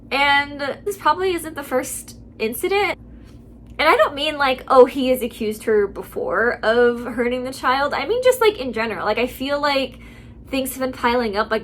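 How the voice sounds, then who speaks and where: A woman's voice: sits high, fairly bright tone. A woman hosting a channel where she reads online stories and reacts, talking casually with lots of filler words and laughing between remarks. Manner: chatty, heavy use of "like" fillers. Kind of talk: casual commentary.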